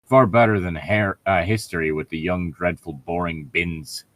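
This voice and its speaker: His voice sits low with a steady tone at a moderate pace. He's a podcast host reading fan fiction aloud, riffing casually between lines while sounding exasperated and sarcastic, with frequent profanity.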